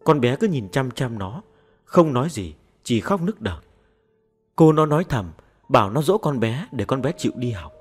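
A man narrating an audio story in an expressive storytelling manner. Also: mid-range voice, normal speed, breathy edge. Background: soft background music.

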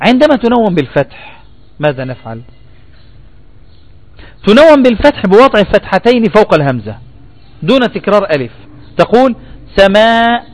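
A man with an Egyptian Arabic accent teaching a spelling lesson, asking the class questions and repeating their answers. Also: sits high.

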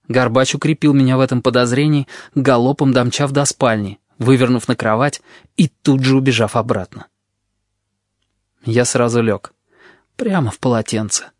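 A male audiobook narrator reads a first-person novel in a measured, quiet way. His voice sits at a medium pitch. The recording is very dry and close, with no room echo.

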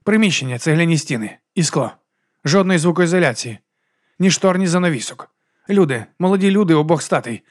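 A man's voice: on the high side, expressive, brisk, voice pushed up, lightly acted. A man voicing a self-assured sound expert who lists details precisely in an audiobook. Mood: concentrated.

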